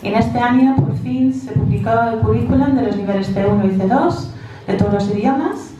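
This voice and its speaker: A woman with a non-native, English-speaking accent in Spanish gives an informal conference presentation as a teacher, haltingly searching for words. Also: a little high. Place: large echoey indoor room. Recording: very echoey room, distant mic, faint noise.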